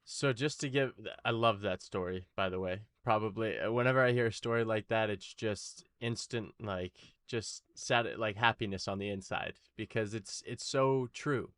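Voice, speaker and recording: A male podcast guest talking earnestly, in a halting, casual way. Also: on the low side, a bit bright, clean tone, no room sound, clean studio sound. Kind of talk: casual interview chat.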